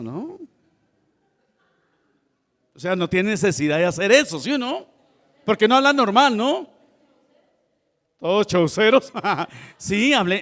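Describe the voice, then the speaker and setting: High-pitched guy preaching, tells stories, does little voices, church reverb. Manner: storytelling with laughs and acted-out voices. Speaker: pastor. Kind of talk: sermon.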